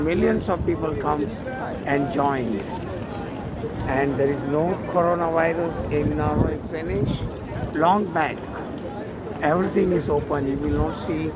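Holding a phone at arm's length, a middle-aged vlogger and matchmaker from India chats in halting, repeated short phrases for a casual selfie travel vlog. His Indian-accented voice is a little high and steady. The open city square is noisy, with a loud crowd, vehicles and urban ambience.

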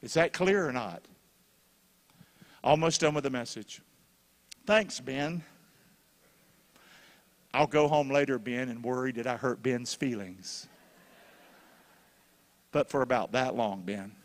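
A man preaching a sermon as pastor, questioning his congregation and bursting into shouts when excited. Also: medium pitch, slow pace, long pauses. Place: church hall. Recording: long reverb of a church hall.

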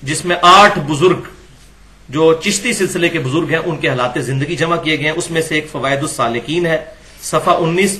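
A man's voice: a little high, bright, forceful tone. A man delivering a religious lecture. He reads passages from books and comments sharply, asking rhetorical questions. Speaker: Islamic lecturer.

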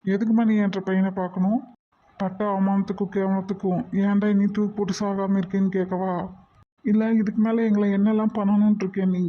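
A woman's voice: mid-range voice, little pitch movement, a little fast, phone-quality sound, a little hiss or hum, natural voice. A woman voicing a stern, weary parent of the groom in a cartoon, with a Kongu Tamil accent and a blunt manner.

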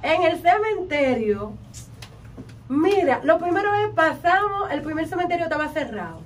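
High-voiced Dominican woman telling a tale. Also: normal speed. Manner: animated, acts out quotes and chants. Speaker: vodou practitioner guest. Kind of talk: storytelling in an interview. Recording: distant mic, faint background noise.

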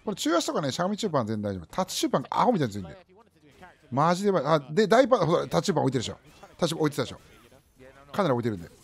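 Male game streamer, thirties, slightly high register, lively intonation, clipped casual play-by-play. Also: very fast, slightly rough. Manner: clipped, repetitive short remarks. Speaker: livestream commentator. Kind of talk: running esports commentary, casual. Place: indoor room, streamer's desk.

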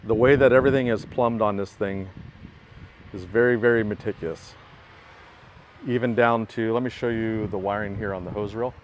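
Filming on a handheld phone in a parking lot, an equipment builder casually walks around a work truck, describing it matter-of-factly. His fairly low voice holds a steady tone at normal speed, with slight background noise.

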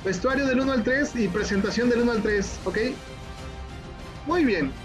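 A man, a teacher trainer hosting a children's event over a video call, talking in an animated, coaxing way and repeating himself. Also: extremely high pitch, moderate pace, music in the background. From Mexico. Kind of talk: lively online workshop hosting.

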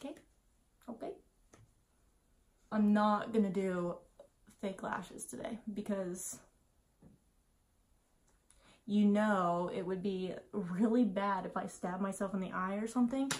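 Tipsy young woman, slow and rambling. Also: medium pitch, darkish tone. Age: 20s. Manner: scattered, self-deprecating, muttering to herself. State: tipsy from wine. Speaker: makeup tutorial host. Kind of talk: casual rambling makeup tutorial chat. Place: small indoor room at home.

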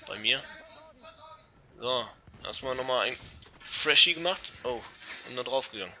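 A young man giving casual, excitable commentary over an online shooter match, swearing and talking to his viewers. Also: medium pitch, slight background noise. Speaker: let's play gamer. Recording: dull lo-fi gaming mic.

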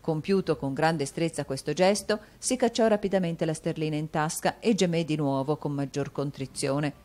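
Woman narrating an audiobook, lowish voice, calm measured reading. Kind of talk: scripted narration.

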